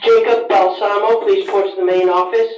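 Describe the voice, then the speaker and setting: Man on a school intercom, high voice, echoey and muffled over the loudspeaker. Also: fairly even intonation, brisk, far from the mic, loud music behind the voice. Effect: school intercom announcement. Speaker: school office announcer. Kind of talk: public address announcement.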